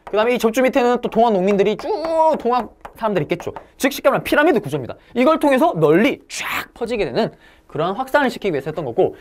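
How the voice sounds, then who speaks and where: A woman's voice: medium pitch, sing-song, racing, darkish tone, slight background noise. A woman giving an exam-prep history lecture, asking the class questions and answering them herself.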